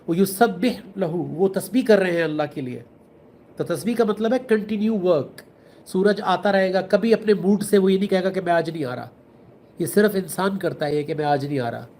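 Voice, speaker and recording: Earnest high-voiced Pakistani man preaching. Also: darkish tone, slight background noise. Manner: earnest, explaining with everyday examples, mixing in English words. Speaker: Islamic speaker. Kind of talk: religious talk.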